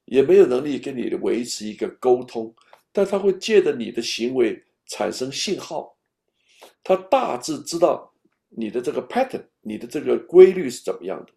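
A man giving a patient, step-by-step talk on raising children, at times speaking straight to an imagined baby and dropping to a soft whisper. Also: mid-range voice, sing-song, normal speed, creaky. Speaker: parenting speaker.

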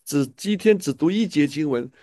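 A man's voice: a little high, expressive, moderate pace, mellow, no room sound, clean studio sound. A man leading a casual church chat, speaking with enthusiasm and a preachy manner, often repeating himself. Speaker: church leader.

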